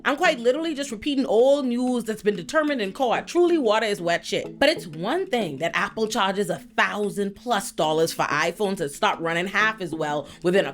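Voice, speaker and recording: A woman in her thirties from the Bahamas, telling comic stories in a scripted commentary with profanity and frequent laughter. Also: fairly high pitch. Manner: animated, profane, laughing storyteller. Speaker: video essay host.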